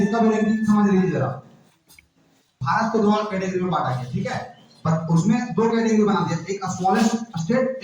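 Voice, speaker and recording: Quizzing the crowd with a stream of rhetorical questions, this high-voiced activist from Jharkhand, India, gives a public address. The mic is far off, the echo is huge, the high frequencies are cut off, and faint noise lingers.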